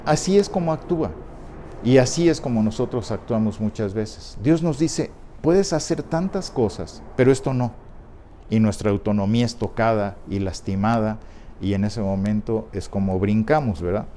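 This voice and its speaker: A man's voice: lowish voice, normal speed, warm tone, slight background noise. A middle-aged pastor with a Mexican Spanish accent, preaching a sermon and explaining his point with repeated key words.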